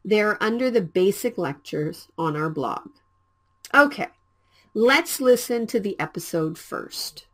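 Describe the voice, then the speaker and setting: A woman presenting an English lesson, explaining lines slowly and clearly with lively intonation. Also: medium pitch. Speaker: English teacher. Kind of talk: scripted language lesson.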